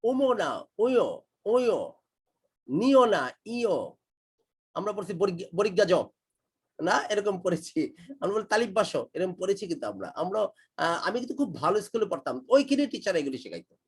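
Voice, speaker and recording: Lively high-voiced Bangladeshi teacher. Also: male voice, a little fast, slightly rough. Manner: emphatic, repeats points, mixes in English phrases. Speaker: English teacher. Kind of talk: online class lecture. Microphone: online class call.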